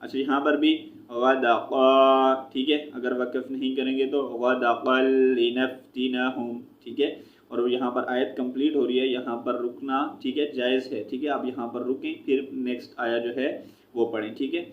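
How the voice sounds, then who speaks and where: A man teaching Quran recitation, spelling out letters and vowel marks syllable by syllable and blending them, with quick explanations that end in a repeated check-in. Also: mid-range voice, little pitch movement. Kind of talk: slow spelling-out recitation lesson. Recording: echoey room, dull lo-fi sound.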